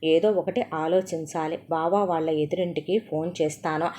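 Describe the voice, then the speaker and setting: A woman doing a calm, practical young son. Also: deep voice, moderate pace, close to an everyday voice. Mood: steady.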